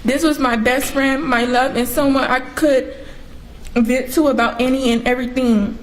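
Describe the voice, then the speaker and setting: Young female defendant, tearful apology statement, higher-pitched, faint courtroom noise. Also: fairly even intonation, normal speed. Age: teens to young adult. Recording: noisy courtroom audio.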